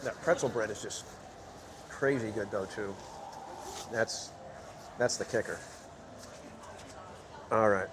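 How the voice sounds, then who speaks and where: A man hosting a casual walking livestream in a theme park, chatting with viewers in a relaxed, rambling way. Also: lowish voice, takes it slowly, long pauses. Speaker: livestream host. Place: outdoors in a busy theme park. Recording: loud outdoor park noise.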